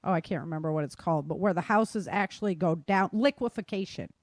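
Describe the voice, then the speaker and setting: In a fairly low, brisk voice, a podcast host and author with an American accent explains her points during a casual discussion. The sound is studio quality with no room sound, and she often checks in with "right?" and "you know".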